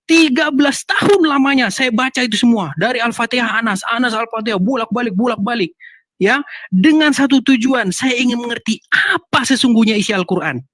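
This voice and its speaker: A man's voice: extremely high pitch, a little fast, a bit bright, no echo. A man hosting a heated online debate, speaking insistently and repeating his challenge, from Indonesia. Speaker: debate host.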